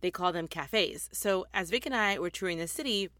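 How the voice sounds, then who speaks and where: A woman's voice: on the low side, moderate pace, sharp tone, no room sound, studio quality. Chatty woman recording inside a closet. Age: 40s. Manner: chatty and rambling, with frequent ums. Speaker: podcast host. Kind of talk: casual chat. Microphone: desktop USB microphone.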